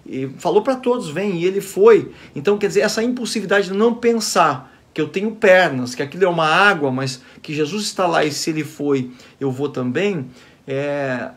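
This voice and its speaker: A man's voice: fairly high pitch, expressive, normal speed. A man teaching a sermon-style Bible study, speaking earnestly and checking in with his listeners through rhetorical questions.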